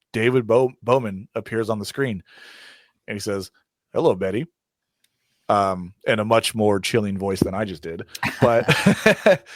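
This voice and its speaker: A man hosting a podcast, retelling film scenes in an animated, casual way, with many ums and you-knows. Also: lowish voice, dry recording, clean studio sound. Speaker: podcast host.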